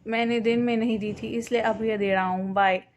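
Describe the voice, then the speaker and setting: A woman's voice: a little high, steady tone, normal speed, natural voice. A woman voicing a curt, aloof young man who gives short, dismissive replies in a spoken love story.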